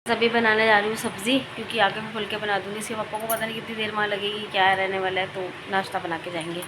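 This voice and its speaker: A young woman vlogger and housewife chatting casually and quickly while narrating her home routine. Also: medium pitch, fairly even intonation, background noise. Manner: chatty, fast-talking.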